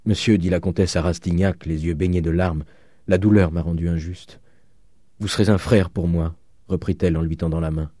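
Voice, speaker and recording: A man voicing a proud, bitter countess who breaks into rising, shrill outbursts. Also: fairly even intonation, fairly quick, warm tone, no echo, clean studio sound. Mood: contrite.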